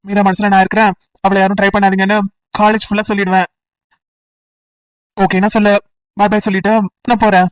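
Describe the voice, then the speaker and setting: A woman's voice: mid-range voice, flat delivery, a little fast, long pauses, recorded from a distance, lightly acted, poor audio. A woman voicing a teasing, persistent young male college student in an amateur audio drama, talking in a playful, coaxing way.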